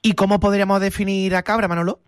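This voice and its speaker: A man's voice: high voice, little pitch movement, fast talker, no echo, clean studio sound. A man hosting a radio interview, with a formal, announcer-like delivery. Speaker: radio host.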